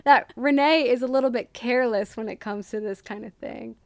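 A woman's voice: on the high side, fairly quick, creaky, dry recording. A young woman co-hosting a casual book-discussion podcast, laughing often and reading passages aloud. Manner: giggly, reads quoted passages aloud. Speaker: podcast co-host.

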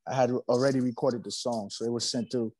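A man's voice: medium pitch, fairly even intonation, fast, darkish tone, dry recording, rough recording. A man from Haiti, a musician guest, talking casually in an interview, laid-back and slangy, often repeating himself.

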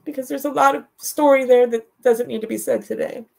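A woman's voice: high-pitched, fairly even intonation, fairly quick, vocal fry, darkish tone. A middle-aged woman telling a personal story as a guest, in a direct and heartfelt way, repeating her phrases. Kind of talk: emotional storytelling.

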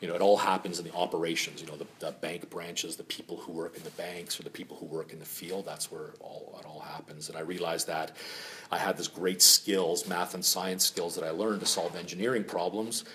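A man's voice: deep voice, fairly even intonation, a little fast, pushed and bright, slight background noise. A middle-aged man from Finland telling his life story at a lunch meeting in a frank, rambling way with many fillers. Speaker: speaker at a member spotlight. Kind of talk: casual personal story.

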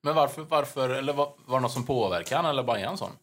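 A man's voice: mid-range voice, expressive, fairly bright tone. A man from Jönköping, co-hosting a podcast in casual chat and asking follow-up questions. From Jönköping, Sweden. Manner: agreeable, asks follow-up questions. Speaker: podcast co-host.

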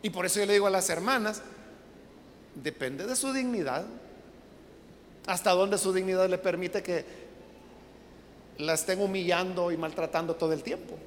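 A woman's voice: on the low side, normal speed, long pauses. A woman preaching a sermon. She speaks emphatically and keeps asking rhetorical questions. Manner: emphatic, rhetorical questions, acts out quoted voices. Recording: long hall reverb, faint background noise.

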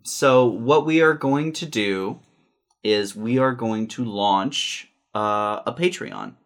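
Guy cohosting a podcast from his house, halting, lots of uh and restarts, dry sarcasm. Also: mid-range voice. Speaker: podcast co-host. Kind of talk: casual chat.

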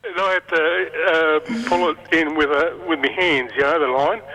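Casting: Australian male radio caller, bright forceful voice, slightly high, halting colloquial storyteller. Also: steady tone, faint music behind, low-quality recording. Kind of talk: casual anecdote.

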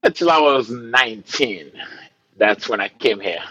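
A man's voice: medium pitch, expressive, measured pace, pushed and bright, husky, dull audio. A man from Haiti, a musician, talking in a laid-back way with fillers and laughs in a casual interview. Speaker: musician guest.

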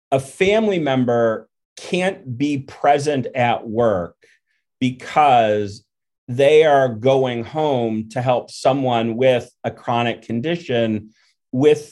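A man hosting an interview, explaining his points in a measured, thoughtful way. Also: medium pitch, a little mellow. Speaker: podcast host. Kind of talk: conversational interview.

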